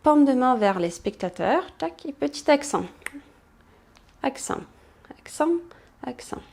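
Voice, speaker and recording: A woman instructor calmly guiding a pilates class, cueing movements and counting, with soft whispered asides. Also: high-pitched, takes it slowly, vocal fry. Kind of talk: guided exercise class instruction.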